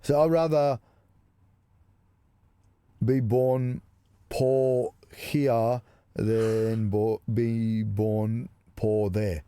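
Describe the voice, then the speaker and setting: A man's voice: medium pitch, fairly even intonation, very slow, pauses often, warm tone, clean tone, no room sound. A middle-aged man from Macedonia, co-hosting a podcast in casual chat, laid-back and swearing freely. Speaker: podcast co-host. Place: small caravan music studio.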